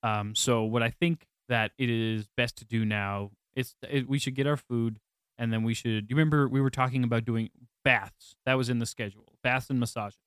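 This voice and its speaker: A man's voice: mid-range voice, fairly even intonation, moderate pace, fairly bright tone, clear, resonant tone, no room sound, studio quality. A man narrating as game master of a tabletop game, laid-back and laughing often, with many fillers.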